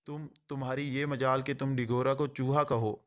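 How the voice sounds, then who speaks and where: A man's voice: mid-range voice, flat delivery, fairly bright tone, lightly acted. A man voicing an arrogant, short male gang boss who talks in a harsh, sarcastic way. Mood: sneering.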